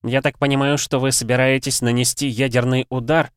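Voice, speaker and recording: A man voicing a soft-spoken, sardonic older male cardinal in an audiobook. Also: medium pitch, little pitch movement, fairly quick, clear, resonant tone, no room sound, studio quality, pitched above the performer's own voice, lightly acted.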